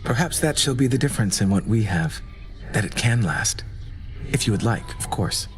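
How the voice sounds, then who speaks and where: A man acts out a lovestruck god of doom for a video game. His voice sits fairly low, solemn and courtly, with shy hesitations in formal speech. Music plays softly behind him. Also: lively intonation, moderate pace, close to an everyday voice. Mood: shy, hopeful. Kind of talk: dramatic video game voice acting.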